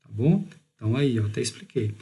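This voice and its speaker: A man with a Brazilian Portuguese accent, teaching a recorded math lesson and explaining step by step, drawing out key words slowly and checking in with "beleza?". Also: mid-range voice, lively intonation, dark tone.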